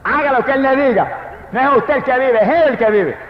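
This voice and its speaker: A man's voice: extremely high pitch, a little fast, crowd noise, noisy background. Fervent preacher man in an echoey hall. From Puerto Rico. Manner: fervent, swings from hushed to loud proclaiming. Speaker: evangelist preacher. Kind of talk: sermon testimony. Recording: echoey hall, dull lo-fi archive recording.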